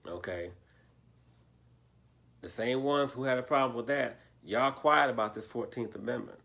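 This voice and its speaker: A man's voice: medium pitch, normal speed, vocal fry, a bit bright. A man hosting a casual political discussion, talking straight to his viewers and sometimes losing his train of thought. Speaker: host.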